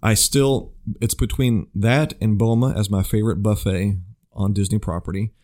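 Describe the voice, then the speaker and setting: A man co-hosting a podcast in relaxed casual chat, also reading out the show plugs. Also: fairly low pitch, normal speed. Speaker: podcast co-host.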